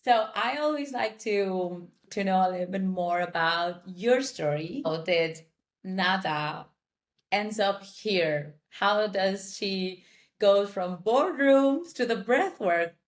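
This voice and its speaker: A woman's voice: medium pitch, animated, slow pace. A woman hosting a casual interview, prompting her guest and checking in with questions. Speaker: podcast host.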